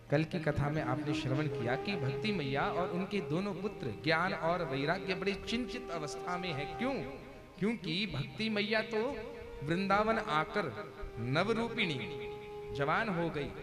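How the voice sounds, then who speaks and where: A male Bhagavata katha preacher giving a devotional sermon to a seated audience, jovial and teasing as he commands them to chant and sit still. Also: fairly high pitch. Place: religious gathering before a seated audience. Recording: live recording with loud devotional music.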